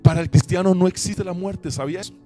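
A man preaches to his congregation, his voice pitched a touch above the usual. He tells a personal story with deep feeling, dropping to near-whispers and then rising into loud preaching. Faint music plays in the background. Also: quick pace. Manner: emotional storytelling, swinging between loud preaching and hushed recollection. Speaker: pastor. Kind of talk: sermon with personal testimony. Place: church service.

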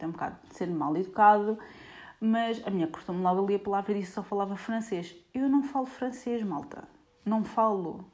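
A woman from Portugal with a European Portuguese accent, an airport security screener chatting casually to her viewers in an animated way. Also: mid-range voice. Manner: chatty, animated, frequent fillers, addresses viewers directly.

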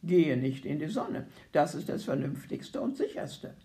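A reader voicing a sober, stern old painter-professor in a literary audiobook, lecturing in a measured, reasoning way. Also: mid-range voice, big pitch swings, dark tone. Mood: sober, admonishing. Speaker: character in a read novel.

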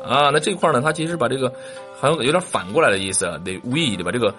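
A man's voice: medium pitch, lively intonation, quick pace, pushed and bright, faint music behind. A man teaching a lesson, patiently explaining translations, asking questions and spelling out words letter by letter. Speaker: English teacher.

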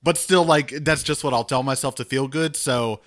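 Man, casual podcast co-host, bright forward tone, chatty and self-mocking. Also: medium pitch. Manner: chatty, self-deprecating, quick asides. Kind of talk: casual chat.

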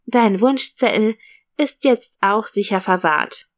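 A woman voicing a gentle, affectionate aunt in a read-aloud storybook, speaking soothingly to a child. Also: mid-range voice, takes it slowly, natural voice. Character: warm, gently teasing aunt, adult woman.

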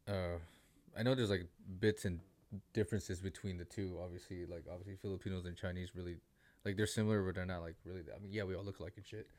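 A man's voice: low voice, steady tone, fast talker, darkish tone. A young man in casual chat who talks loosely and swears freely. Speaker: co-host.

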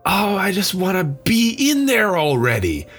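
A man's voice: sits high, huge pitch swings, a little slow, fairly bright tone, husky, soft background music, pitched above the performer's own voice, full character voice. A man voicing a whining little child who pleads and complains. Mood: whiny. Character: whiny crying little child.

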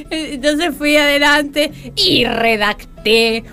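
Woman, Rioplatense accent, radio co-host, raised pitch, lively anecdotal delivery. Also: drawn-out words. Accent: Rioplatense Argentine Spanish. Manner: storytelling, giggly. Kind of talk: casual radio banter. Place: radio studio.

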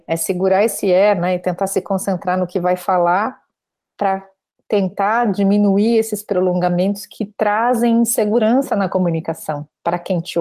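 Calm woman host with a dark, mellow voice. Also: mid-range voice. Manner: measured, explanatory, asks follow-up questions. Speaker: host, speech therapist. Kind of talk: conversational interview.

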